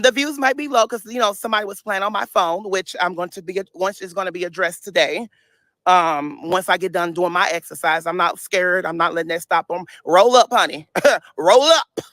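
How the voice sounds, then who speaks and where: In a casual vlog, a St. Louis man in his thirties with a speech impediment rants emphatically, laughing often. His high-pitched voice has a sharp tone and no echo. A social media personality, he repeats himself in this livestream-style rant.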